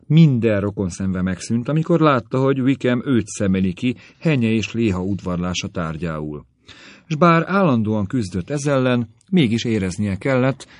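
Low-voiced man reading a novel aloud. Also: a little mellow, no room sound, studio quality. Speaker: audiobook narrator. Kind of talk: scripted literary narration.

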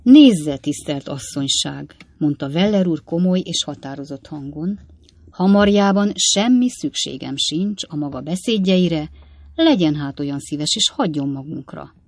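A woman performs a grieving old widower in a storybook reading, his gruff, blunt lines pushed out louder than the narration. The voice sits low and the recording is bone dry. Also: no echo, close to an everyday voice. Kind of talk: audiobook reading.

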